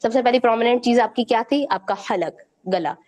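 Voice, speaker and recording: A woman's voice: a little high, fairly quick, darkish tone. Woman teaching with question-and-answer checks. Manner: repeats "theek hai" to check understanding, quizzes listeners with questions. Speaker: Quran recitation teacher. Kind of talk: explanatory lesson to students.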